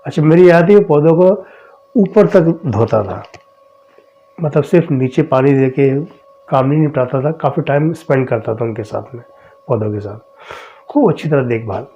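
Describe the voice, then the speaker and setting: A middle-aged man tells his own experiences in a relaxed, conversational way, often retelling conversations with "I said". His voice is dark and mellow. The recording sounds dull and lo-fi. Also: medium pitch, pauses often. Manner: conversational, retells dialogue with frequent "I said". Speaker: podcast host telling his own experiences. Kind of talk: casual personal storytelling.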